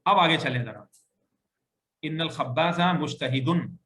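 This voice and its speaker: In a classroom shared with online students, a bright, high-voiced man teaches Arabic grammar, his voice echoing around him. He patiently corrects students and says sentences again slowly.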